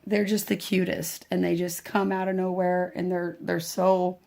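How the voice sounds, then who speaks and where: A woman chatting casually on a family vlog, animated and giggly, with lots of restarts. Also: on the low side, normal speed, gravelly. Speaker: adoptive mother, vlogger. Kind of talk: casual chat.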